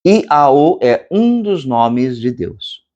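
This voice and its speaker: Brazilian guy teaching meditation, slow and measured, voice goes up and down a lot, chants long vowels. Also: medium pitch, big pitch swings, a little mellow. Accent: Brazilian Portuguese. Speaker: meditation instructor. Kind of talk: spiritual lecture.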